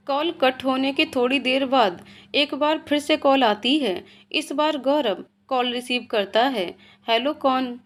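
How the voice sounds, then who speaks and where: A woman storyteller narrating a scripted tale. She speaks calmly and evenly, with a high voice. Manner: calm, even storytelling.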